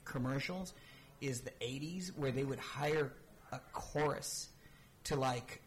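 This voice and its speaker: A man's voice: medium pitch, takes it slowly. A man chatting casually as a podcast co-host, rambling with lots of fillers and restarts. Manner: rambling, filler-heavy, says "dude" and "you know" a lot. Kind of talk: casual chat.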